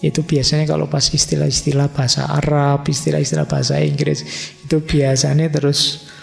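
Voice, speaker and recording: A man's voice: fairly high pitch, level tone, brisk, vocal fry. A middle-aged man giving a casual, teasing philosophy lecture, recorded in a large hall. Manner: casual, teasing, mixes in Javanese words. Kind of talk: live lecture. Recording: lecture hall with long reverb, faint music.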